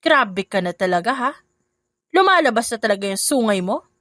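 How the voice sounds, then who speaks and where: A woman's voice: fairly high pitch, animated, normal speed, dry recording, clean studio sound. Woman voicing a two-faced scheming stepmother. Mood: scolding. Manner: sharp, scornful, sugary when on calls.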